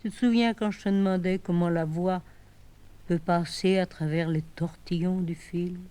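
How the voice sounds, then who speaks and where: An older actress playing a desperate woman pleading with her departing lover on the telephone, halting and swinging between emotions. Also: fairly low pitch, steady tone, mellow, clean tone, lightly acted. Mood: despairing. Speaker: actress in a one-woman play. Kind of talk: theatrical monologue on the telephone.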